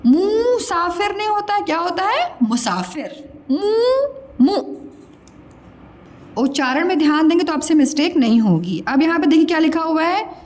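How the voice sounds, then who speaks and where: A woman teaching young children Hindi pronunciation, stretching each word slowly syllable by syllable and asking them to repeat. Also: very high voice, animated, darkish tone. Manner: drawn-out syllable-by-syllable pronunciation, questioning pupils; calls the listener "beta" (child). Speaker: primary school Hindi teacher. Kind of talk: slow spoken lesson for young children.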